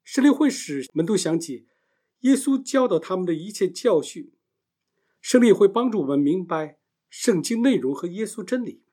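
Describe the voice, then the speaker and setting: A man's voice: sits high, expressive, moderate pace, dark tone. A man giving a Bible teaching lecture, explaining step by step and often asking and answering his own questions.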